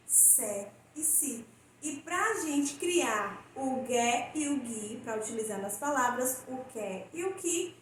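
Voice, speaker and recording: A woman teacher giving a recorded school lesson. She explains step by step and keeps checking in with her students. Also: high-pitched. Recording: very echoey room, faint noise.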